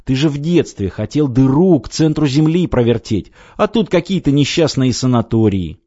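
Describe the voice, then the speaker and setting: A man reading an audiobook, voicing a pushy, scheming male construction director who coaxes and urges loudly. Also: mid-range voice, animated, normal speed, no echo, muffled recording, pitched above the performer's own voice, close to an everyday voice. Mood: urgent coaxing. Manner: coaxing, urgent, exclamatory.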